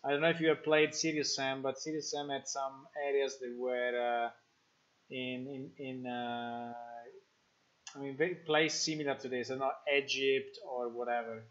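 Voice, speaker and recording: Italian-accented man, game developer, casual live-stream chat, halting, dull lo-fi audio. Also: mid-range voice, level tone, a bit bright. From Italy. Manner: thinking aloud, reading chat, many fillers and restarts.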